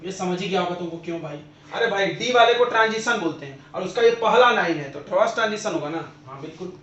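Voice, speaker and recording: A man's voice: high-pitched, fast, fairly bright tone, slight background noise. A man who is a chemistry teacher, giving a classroom lecture and drilling his students with repeated questions and answers. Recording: roomy, dull lo-fi classroom recording.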